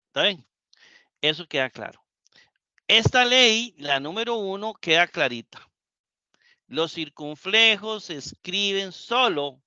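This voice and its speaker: A man's voice: a little high, sharp tone, no echo, dull audio. A man teaching Greek in a live class lecture. He repeats the key points and keeps asking the students questions.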